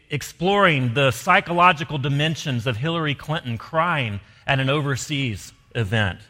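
A man preaching a sermon, asking rhetorical questions and dropping to soft emphasis. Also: medium pitch. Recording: long hall reverb.

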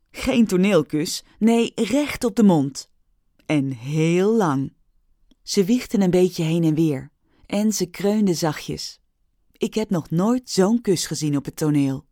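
Unhurried female storybook narrator, calm and even, dry close mic. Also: lowish voice, dry recording. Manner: slow, calm, clearly paced reading. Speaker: audiobook reader.

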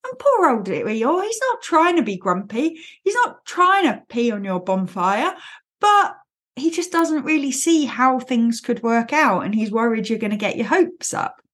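A woman hosting a solo podcast, talking in a lively, playful way and laughing easily. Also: on the high side, unhurried. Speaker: podcast host and coach.

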